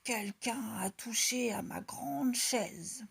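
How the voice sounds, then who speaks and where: A woman's voice: on the high side, takes it slowly, gravelly, husky, exaggerated voice. Woman doing a big stern storybook bear. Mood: grumbling. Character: big gruff bear, head of house.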